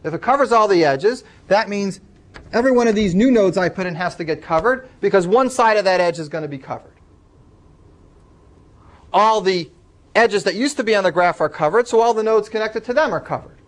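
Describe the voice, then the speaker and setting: Higher-pitched male lecturer. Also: expressive, brisk. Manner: explains step by step, engages student questions. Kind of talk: classroom lecture.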